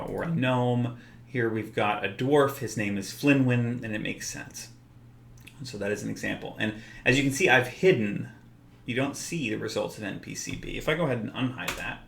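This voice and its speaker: A man walking through a software tool in a relaxed tutorial, explaining step by step with frequent filler words. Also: medium pitch, gravelly. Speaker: software developer demonstrating his tool. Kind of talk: screen-recorded software tutorial. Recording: roomy echo.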